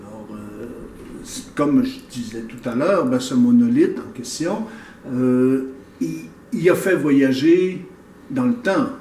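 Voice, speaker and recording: Painter, mellow voice, talks slowly and thoughtfully, lots of pauses, echoey room. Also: male voice, mid-range voice, a little hiss or hum. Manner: thoughtful, hesitant, many fillers and restarts. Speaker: painter, interview guest. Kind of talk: casual explanation. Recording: echoey room, mic at a distance.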